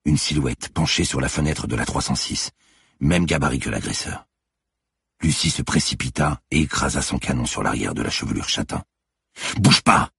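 Very deep, gravelly male narrator. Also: a bit bright, no echo, studio quality. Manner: tense, measured storytelling. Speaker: audiobook narrator. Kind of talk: scripted thriller narration.

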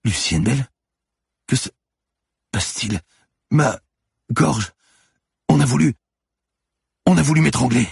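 A man's voice: mid-range voice, expressive, a little slow, vocal fry, pauses often, breathy edge, no echo, clean studio sound, voice pushed up, full character voice. A man voicing a dazed, confused young woman who speaks in panicked questions, in an audiobook thriller.

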